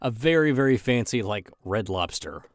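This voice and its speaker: A man's voice: mid-range voice, expressive, normal speed, no echo, studio quality. A man co-hosting a podcast, casually narrating an episode recap with wry jokes. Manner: wry, joking. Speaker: podcast co-host.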